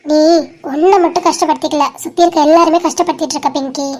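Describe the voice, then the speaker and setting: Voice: sits high, steady tone, quick pace, darkish tone, natural voice. A performer voicing a bossy, caring young woman in a cartoon who scolds and nags her friend insistently. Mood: scolding. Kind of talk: dramatic cartoon dialogue.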